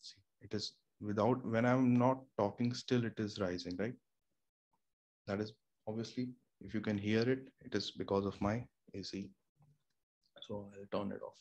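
His voice on the low side and a little mellow, a young man with an Indian accent talks at normal speed with fairly even intonation. As host of a casual screen-share tutorial, he covers home recording step by step, full of fillers and restarts. He records on a studio mic via an audio interface in a small room near an air conditioner and fridge, with a faint hum in the background.

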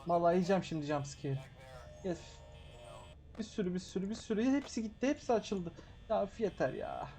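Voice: mid-range voice, fairly quick, mellow, faint music behind. A streamer doing live horror gameplay commentary, grumbling and cursing constantly and shrieking at jumpscares. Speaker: game streamer.

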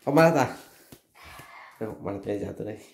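A man's voice: fairly low pitch, lively intonation, normal speed, vocal fry, darkish tone, echoey room, distant mic. A man filming his family, teasing his wife in casual, playful banter and pressing her with questions. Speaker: father filming a family vlog.

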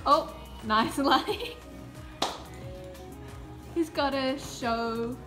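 With music playing behind her, a New Zealand teenager speaks in a high voice and very slowly. It's a casual, giggly vlog filmed on a phone at arm's length, moving from rooms in the house out to the stable and paddock.

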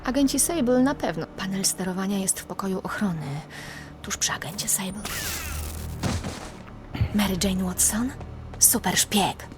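A woman's voice: mid-range voice, measured pace, pauses often, close to an everyday voice. A young woman voicing a plucky, wry reporter sneaking about in a video game, talking to herself. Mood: wry, determined.

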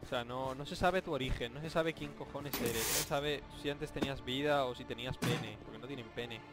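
A young man from Spain with a Spanish accent, giving jokey, excitable commentary over a Minecraft let's play, yelping and shouting when surprised. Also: mid-range voice, fairly quick. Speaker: gaming YouTuber. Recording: game music playing behind. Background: game music.

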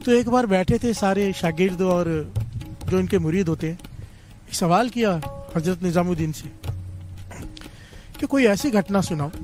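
A man's voice: sits high, darkish tone. A man giving a devotional sermon with a North Indian accent, telling a story and calling out a repeated refrain to the congregation. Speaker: preacher.

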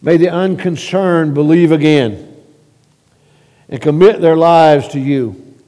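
A pastor slowly leads prayer and gives announcements at a pulpit mic in a church sanctuary, his mellow, slightly high voice carried by the room's long reverb. He halts and repeats words, swelling louder as he prays.

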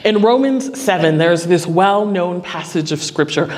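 A woman's voice: on the low side, animated, measured pace, darkish tone. A woman in her forties preaching a conversational sermon with joking asides, as pastor in a church. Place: church sanctuary. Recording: long reverb in a large hall.

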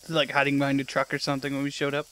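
Dry, joking let's play commentator. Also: male voice, medium pitch, completely flat delivery, racing, pushed and bright. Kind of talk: sarcastic game commentary. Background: game audio.

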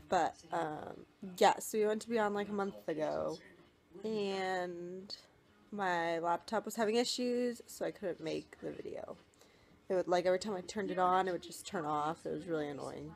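A woman's voice: fairly low pitch, a little mellow. A young woman chatting casually to her vlog camera, with lots of fillers and a winding way of talking. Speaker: vlogger. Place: indoors at home, then outdoors at a crowded festival.

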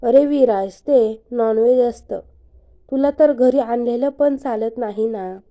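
Brief: woman doing a worried, scolding aunt, slow and warm-toned. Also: a little high, lightly acted. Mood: fussing. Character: caring middle-aged aunt, worried and scolding.

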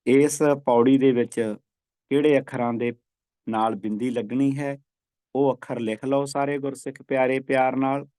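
A man teaching scripture recitation, chanting verses slowly and repeating them for practice. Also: medium pitch, level tone, mellow, no echo.

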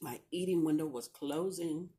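A middle-aged woman chats casually to her viewers while eating crunchy fried chicken, pausing between bites. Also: sits low, warm tone. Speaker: mukbang video host. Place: living room at home, indoors. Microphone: camera on a stand at table distance.

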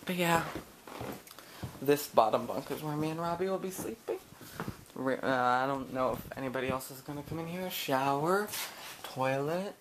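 A man's voice: fairly high pitch, normal speed, fairly bright tone, a little hiss or hum. A young man filming a casual vlog outdoors at a woodland retreat camp, giving a joking, teasing tour with a handheld camera. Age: young adult. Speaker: vlogger.

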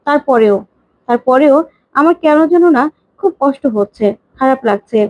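A woman's voice: high-pitched, expressive, moderate pace, dry recording, highs cut off. A woman voicing a worried young fiancée who talks anxiously.

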